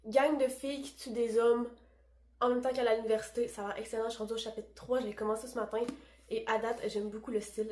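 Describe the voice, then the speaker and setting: A woman's voice: fairly high pitch, darkish tone. Chatty Québécoise woman in a roomy room. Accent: Québécois French. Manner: chatty, enthusiastic, self-deprecating. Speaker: book vlogger. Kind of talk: casual book chat.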